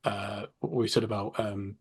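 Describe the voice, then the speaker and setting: Man, husky voice, casual podcast host, chatty and animated. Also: fairly low pitch, normal speed.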